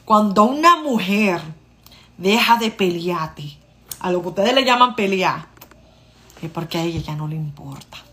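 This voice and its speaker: A woman's voice: on the low side, lively intonation, a little slow, sharp tone. A woman, telling her own story in a casual monologue. She speaks to her listeners directly and acts out the dialogue. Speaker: vlogger.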